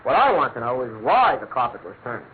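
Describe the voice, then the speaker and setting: An actor playing a smug, blustering police inspector in a classic radio drama, emphatic and officious. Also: male voice, mid-range voice, sing-song, a little fast, close to an everyday voice. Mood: smug, puzzled. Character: blustering, self-satisfied male police inspector. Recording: tinny, narrow-band old radio, noisy.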